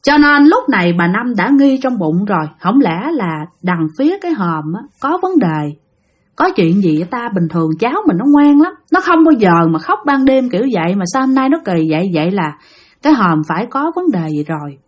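A woman with a Southern Vietnamese accent tells a ghost story in a chatty style, speaking straight to her listeners. Her medium-pitched voice is very animated and fairly quick.

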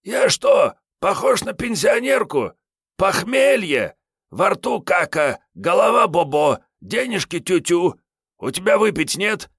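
A boorish, hungover wasteland drifter voiced by a man with a drink-roughened, raised voice that swings all over the place. He grumbles, whines and rants rudely, in a dry, close audiobook reading. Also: high voice, big pitch swings, slow, a bit bright, dry recording, voice pushed up, heavily acted. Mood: grumbling, boorish. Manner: rude, grumbling, self-pitying. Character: hungover boorish male wasteland vagrant gunman. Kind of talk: audiobook character voice.

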